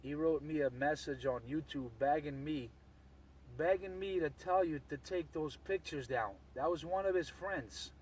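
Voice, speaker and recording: A man's voice: a little high, a little slow, a little hiss or hum. A man chatting over CB radio in an aggrieved, blunt way, repeating himself for emphasis. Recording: distant voice from the mic.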